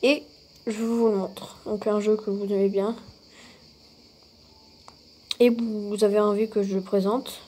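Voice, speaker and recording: A woman casually talking through a mobile game she is playing, often breaking into excited exclamations. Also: medium pitch, a little slow, pauses often, husky. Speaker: mobile game channel host. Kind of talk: casual gameplay commentary.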